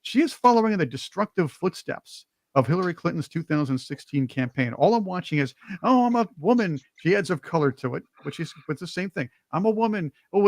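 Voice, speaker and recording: A man's voice: on the high side, gravelly, no echo, clean studio sound. A man co-hosting a political talk show, indignant and stammering through restarts. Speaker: co-host.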